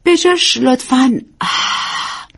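A woman voicing a melodramatic, self-pitying aging stage actress who talks in drawn-out, sighing repetitions. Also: high-pitched, gravelly, a bit bright, husky, pitched above the performer's own voice, full character voice. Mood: dramatic, self-pitying.

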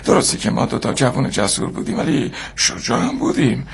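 Raspy, jovial older man. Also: medium pitch, sing-song, heavily acted. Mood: nostalgic. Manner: nostalgic, chuckling. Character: jovial older man reminiscing about wild youth. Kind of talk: cartoon dub acting.

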